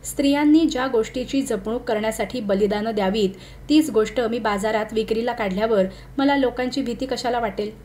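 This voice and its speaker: A woman reading the lines of a bold young woman who speaks calmly and with easy command. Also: fairly high pitch, a little fast, a little hiss or hum, natural voice. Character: bold, self-assured young city woman.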